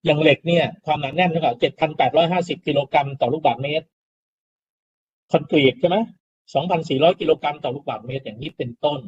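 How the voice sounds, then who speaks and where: A man's voice: on the high side, quick pace, slightly rough. A middle-aged man lecturing students, explaining step by step, repeating key terms and asking rhetorical questions. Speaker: university lecturer. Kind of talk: classroom lecture on soil mechanics. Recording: dull lo-fi classroom recording.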